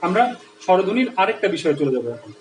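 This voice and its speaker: Fast-talking guy teaching a grammar class, keeps asking "right?", sounds far off in an echoey room. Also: high-pitched, very animated, a little hiss or hum. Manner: explanatory, with frequent checks like "right?". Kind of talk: online Bangla grammar lesson.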